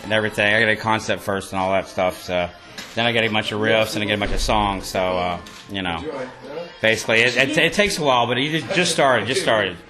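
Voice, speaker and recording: A man, a rock musician, answering interview questions casually, halting and restarting with lots of fillers. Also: fairly low pitch.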